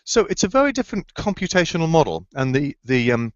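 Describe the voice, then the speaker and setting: A man's voice: a little high, big pitch swings, quick pace, no echo. A man on a video call, a researcher answering students' questions enthusiastically, often searching for words with fillers and restarts. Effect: heard over a video call. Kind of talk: explanatory answers in a remote Q&A. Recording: slightly dull, dry video-call audio.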